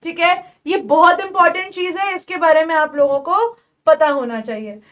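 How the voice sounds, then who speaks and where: A young woman giving an English grammar lecture in Hindi, explaining rules step by step and saying the example sentences slowly. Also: very high-pitched, a bit bright. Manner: explains step by step, calls students "beta"; spells out slow, drawn-out English examples. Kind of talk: online exam-prep lecture.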